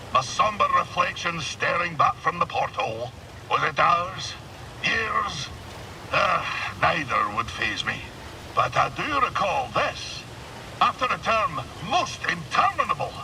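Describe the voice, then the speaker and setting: An actor voicing a small, eccentric old alien fisherman in a video game, a gruff, gravelly sea dog spinning salty tales theatrically. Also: sits high, far from the mic, background noise, heavily acted. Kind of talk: animated video game character dialogue.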